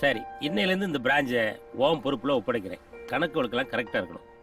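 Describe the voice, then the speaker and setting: A man's voice: medium pitch, very animated, quick pace, a bit bright. An actor playing a stern businessman giving curt orders in film dialogue. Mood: brisk. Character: stern businessman boss, brisk and threatening. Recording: distant film sound with music.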